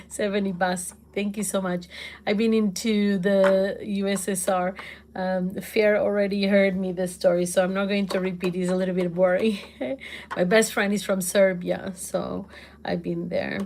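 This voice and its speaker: Portuguese woman, middle-aged, hosts a casual phone livestream from her kitchen, loud and laughing, takes her time. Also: mid-range voice, flat delivery, measured pace, a little hiss or hum. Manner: loud, laughs often, exclaims. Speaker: livestream host. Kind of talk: casual livestream chat answering comments. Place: home kitchen.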